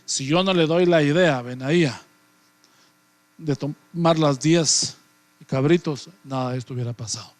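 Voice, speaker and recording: A man's voice: on the high side, measured pace, dry recording, lightly acted. A man voicing a talking heart that scolds the other body parts insistently. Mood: scolding.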